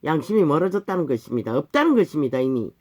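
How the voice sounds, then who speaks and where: A man preaching a fiery sermon with a Gyeongsang accent, alternating slow solemn scripture recitation with shouted denunciations. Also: on the high side, very animated. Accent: Gyeongsang Korean.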